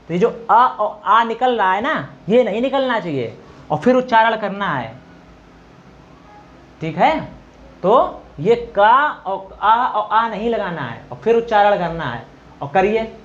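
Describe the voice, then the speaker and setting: A man's voice: high voice, highs cut off. A man teaching a Hindi grammar lesson for exam preparation, asking questions and often checking in with the students. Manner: repeats filler confirmations and asks students questions.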